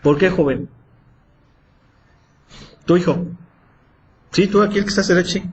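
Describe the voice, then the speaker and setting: A man's voice: high voice, normal speed, highs cut off, slight background noise. A man teaching math in a classroom, quizzing students with repeated questions. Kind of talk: classroom lecture.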